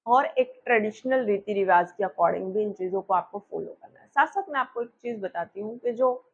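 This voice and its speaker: A woman's voice: medium pitch, moderate pace, slightly rough. Woman with a scratchy sore throat teaching puja steps, asks herself questions, lots of uh's, kinda muffled audio. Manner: step-by-step, asks and answers her own questions, many fillers. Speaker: astrologer explaining Diwali puja. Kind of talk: instructional talk to viewers. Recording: dull, lo-fi recording.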